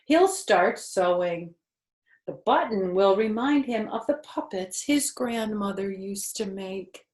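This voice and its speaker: In a reverberant space, a grandmotherly older woman gives an animated reading of a picture book to children. Her darkish, medium-pitched voice has lively intonation, and she chats along, poses questions to her listeners, lingers on phrases, and adds offhand remarks.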